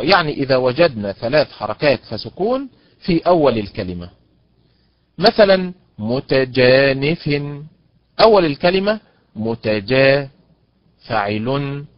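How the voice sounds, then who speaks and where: A man's voice: medium pitch, no room sound. Male recitation teacher, patient, drawls out examples, dry dull lo-fi sound. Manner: explains patiently, drawing out example words slowly; praises students by name as they answer. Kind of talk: online lecture on Quranic stress rules. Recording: dull, dry lo-fi online lecture audio.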